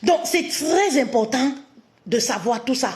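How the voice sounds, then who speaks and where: Brief: woman relationship coach on a live stream, voice on the high side, keeps punctuating with an insistent "yes" and repeats her points. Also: expressive, unhurried. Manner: punctuates sentences with emphatic "oui", many rhetorical questions; addresses listeners warmly as "my queens", repeats key phrases.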